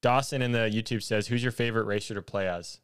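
A man's voice: on the low side, steady tone, fast talker, fairly bright tone, smooth, no room sound, studio quality. A man hosting a casual podcast with bro-ish slang and some swearing. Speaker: podcast host.

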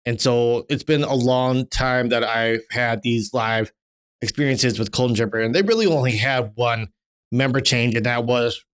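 Smooth-voiced man rambling through casual chat. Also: medium pitch, moderate pace. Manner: rambling, restarts often, swears casually. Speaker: podcast co-host.

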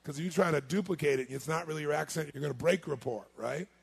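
Gravelly man quizzing a seminar crowd. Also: a little high, fast. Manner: fires rhetorical questions at the audience. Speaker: sales seminar speaker. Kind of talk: live seminar talk to an audience.

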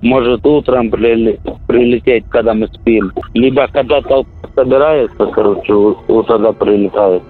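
A man's voice: medium pitch, moderate pace, few pauses. A man, a soldier at the front, talking bluntly and with swearing on a casual call home, heard over a radio intercept. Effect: heard over a radio or intercepted phone line. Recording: tinny phone-like intercept, music laid over.

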